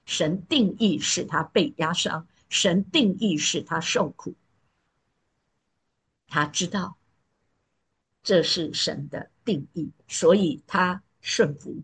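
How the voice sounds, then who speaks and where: A woman's voice: on the low side, takes it slowly, pauses often, slightly rough. Earnest woman preaching a sermon. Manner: earnest, emphatic, drops to soft pleading tones.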